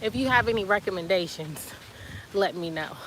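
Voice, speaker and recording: A woman's voice: medium pitch, moderate pace, a little hiss or hum, rough recording. A woman vlogging on her phone while walking outdoors to the beach, chatty and out of breath, saying y'all. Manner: chatty, animated, says y'all. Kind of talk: casual vlog chat. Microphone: phone camera.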